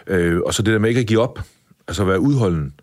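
Deep-voiced blunt storytelling man. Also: no room sound, clean studio sound. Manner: lively, blunt, mild swearing. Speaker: chef, interview guest. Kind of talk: casual storytelling in a podcast interview.

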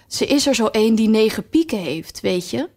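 A woman's voice: a little high, lively intonation, normal speed, a little mellow. A woman doing a patronizing talking rose. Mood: condescending. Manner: patronizing, falsely kind. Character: talking garden rose, female, condescending and chatty.

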